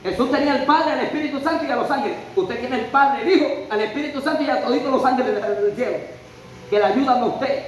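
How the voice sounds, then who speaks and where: A man's voice: extremely high pitch, fast talker. A man preaching a sermon, emphatic and full of rhetorical questions and a repeated refrain. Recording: very echoey church hall, faint noise.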